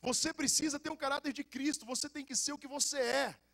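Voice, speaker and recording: A young adult man, a pastor with a Goiás accent, preaching a lively sermon full of jokes, stories and casual slang. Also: very high voice, brisk, vocal fry. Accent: Goiás Brazilian Portuguese. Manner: animated and joking, with casual slang.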